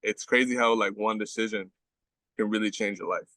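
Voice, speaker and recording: A young man with a lowish voice tells his stories in loose slang, swearing often and filling gaps with "like" and "bro." The sound is close and dry, with no room around it. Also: fairly even intonation, a little fast, bright, forceful tone, no room sound. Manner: slangy, profane storytelling with many fillers. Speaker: guest, baseball pitcher. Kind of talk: casual podcast chat.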